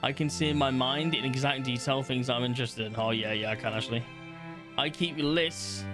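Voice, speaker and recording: Over music, a young man with a mid-range voice talks briskly to his stream audience, reading test questions aloud. He's casual and blunt, swearing now and then.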